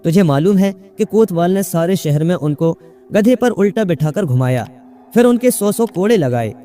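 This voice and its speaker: A man reading a story, voicing a worried elderly mother who pleads with her confused son, pitched up high. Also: animated, normal speed, dark tone, faint music behind. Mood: relieved chatter. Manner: anxious, pleading, rising higher.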